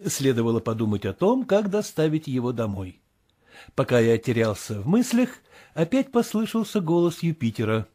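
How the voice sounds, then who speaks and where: A man's voice: mid-range voice, big pitch swings, normal speed, dark tone. A man reading literary prose aloud as an audiobook narrator, telling the story expressively.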